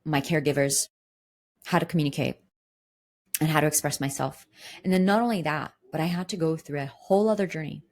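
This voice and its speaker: Woman, low voice, podcast host, communication coach, earnest, teaching by example. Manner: earnest, teaching with everyday examples and questions to the listener. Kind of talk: solo podcast monologue.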